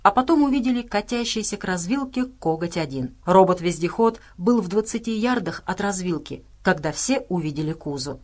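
A woman narrating a horror adventure audiobook with a steady, dramatic reading. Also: fairly low pitch, brisk, hardly any pauses.

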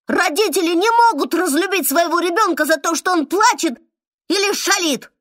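A woman voicing an emotional young mother in a storybook reading, shouting shrilly. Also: extremely high pitch, moderate pace, no room sound, studio quality, voice pushed up. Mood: upset, shouting.

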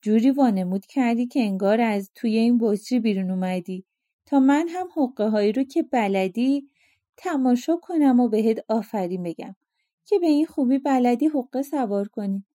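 A sly fisherman who talks his way out of trouble, glib and mocking, as a woman narrator puts him on. His voice rides noticeably high and mellow, recorded dry and close. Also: animated, no echo, natural voice. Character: sly, smooth-talking male fisherman.

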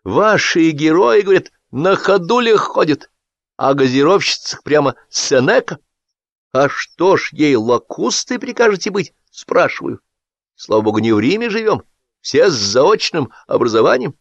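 A man's voice: on the high side, big pitch swings, moderate pace, gravelly, dry recording, muffled recording, voice pushed up. A man reading an audiobook, voicing an effusive, fawning male film director who talks in gushing exclamations. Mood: indignant.

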